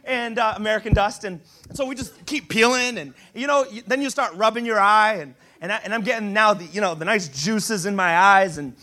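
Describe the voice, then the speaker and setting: High, bright-voiced man preaching with humor. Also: fairly quick, few pauses. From Brazil. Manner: animated, humorous storytelling with laughs. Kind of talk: sermon with personal stories.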